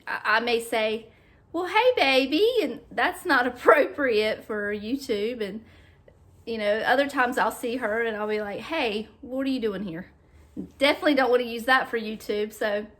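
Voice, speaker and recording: Woman home decor vlogger, chatty and friendly, slightly high voice, lots of ums. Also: fairly bright tone. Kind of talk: casual chat to camera. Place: her home.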